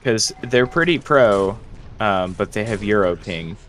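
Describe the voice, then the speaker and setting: A man's voice: fairly low pitch, animated, unhurried, fairly bright tone. A man chatting casually with friends over voice chat during a game, often trailing off and restarting. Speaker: gamer on voice chat.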